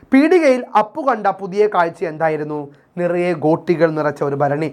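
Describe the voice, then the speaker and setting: A man, teaching children by retelling a story line by line and then explaining it. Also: on the high side. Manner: retells story lines then explains them, with "alle" tags. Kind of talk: storytelling lesson for schoolchildren.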